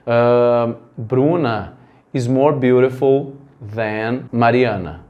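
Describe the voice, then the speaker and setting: A man's voice: mid-range voice, drawn-out words, narrow, tinny audio. A man from Brazil teaching an English grammar lesson, explaining step by step and asking rhetorical questions.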